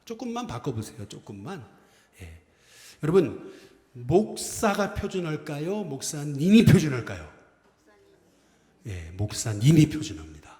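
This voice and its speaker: A man's voice: on the high side, unhurried, long pauses. A middle-aged man preaching a Sunday sermon as senior pastor, leading the congregation in call-and-response greetings. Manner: lively, acts out quoted phrases. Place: church sanctuary. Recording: echoey church hall with long reverb.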